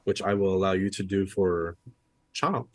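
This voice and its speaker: A man narrating and making rulings as game master, in a relaxed, easygoing way. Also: low-pitched, moderate pace, no room sound.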